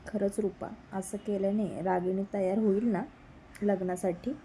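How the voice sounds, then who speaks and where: A woman voicing a lovesick young man who talks in a quieter, sulky tone, in a spoken romance story. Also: mid-range voice, little pitch movement, normal speed, a little hiss or hum, lightly acted. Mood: pleading.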